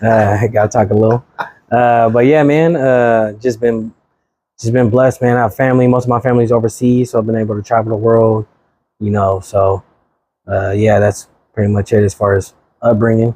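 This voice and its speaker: A man's voice: fairly low pitch, flat delivery, moderate pace, warm tone. A man in his thirties from Sacramento, California, a real estate agent talking as a podcast guest in an easygoing, slangy way. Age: 30s. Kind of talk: casual chat.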